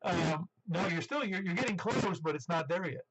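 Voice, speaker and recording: A chatty man in his 70s leads an amateur radio net with easygoing, rambling check-in talk, coming through a two-way radio with dull, band-limited ham audio. His creaky voice sits high and is expressive at a moderate pace, and the recording is very noisy.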